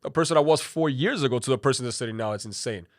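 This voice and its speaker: Here the Cuban-born podcast guest, a thirtysomething native Spanish speaker, talks very fast in a mid-range voice. His casual interview chatter wanders, packed with fillers like "you know" and "like," captured in a clean, dry studio recording.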